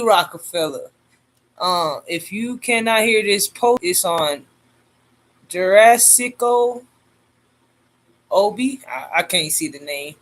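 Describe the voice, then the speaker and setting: A man's voice: fairly high pitch, sharp tone. A man hosting his own channel, talking in a loose, slangy, rambling monologue full of fillers and restarts. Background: faint homemade beat playing.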